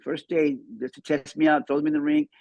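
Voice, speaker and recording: A man's voice: on the high side, little pitch movement, darkish tone, no echo, low-quality recording. A man in his fifties who grew up in Mexico, telling his life story as a podcast guest in a casual, repetitive way. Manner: fast, repeats words as he talks.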